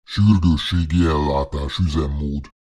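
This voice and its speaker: A man reading an audiobook voices an automated medical cabin that speaks in flat, clipped announcements. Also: a bass voice, pitched below the performer's own voice. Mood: flat, mechanical. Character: cold automated medical machine voice.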